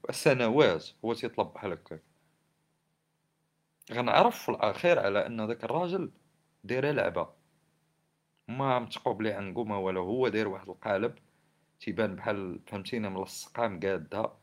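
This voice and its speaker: Fast-talking indignant man, Moroccan Arabic accent. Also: on the low side. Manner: indignant, scolding, full of rhetorical questions. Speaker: social commentator. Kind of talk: impassioned spoken commentary on society and government.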